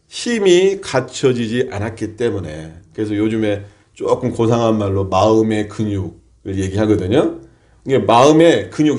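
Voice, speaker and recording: A man's voice: medium pitch, darkish tone. A Won Buddhist minister preaching a sermon during a temple service. He keeps asking the congregation rhetorical questions and answering them himself.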